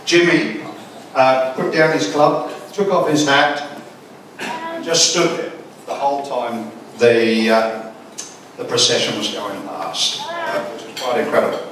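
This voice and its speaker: A middle-aged Australian man giving an informal father of the bride wedding speech, halting and folksy with dry humour. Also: medium pitch, a bit bright. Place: large echoey wedding reception room. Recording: echoey hall from far off, faint noise.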